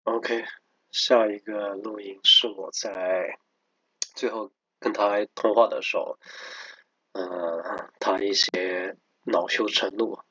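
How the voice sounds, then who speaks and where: A man's voice: fairly low pitch, fairly even intonation, takes it slowly, sharp tone, slightly rough, no room sound. A man giving casual spoken commentary as a narrator introducing and reacting to recordings. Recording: slightly dull, muffled recording.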